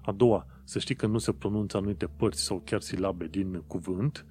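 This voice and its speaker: A man's voice: low voice, a little mellow, slight background noise. A man talking casually to his viewers and explaining things in an informal, chatty way with frequent fillers and restarts. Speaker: vlogger.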